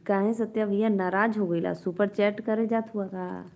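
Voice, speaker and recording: A woman's voice: mid-range voice, steady tone, normal speed, darkish tone, slight background noise. A woman with an Awadhi accent hosting a casual live stream from a phone, reading out viewer comments and bantering playfully with them.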